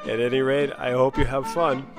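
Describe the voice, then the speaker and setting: A man hosting a podcast, narrating in simple, deliberate, jokey phrases for language learners. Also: medium pitch, level tone, over music. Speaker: podcast host.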